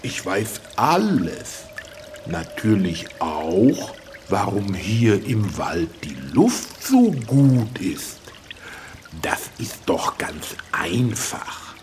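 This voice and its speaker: A man voicing an old, wise talking tree in a children's radio play, slow and chuckling. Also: on the low side, huge pitch swings, a little mellow, soft background music, exaggerated voice. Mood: kindly, teaching.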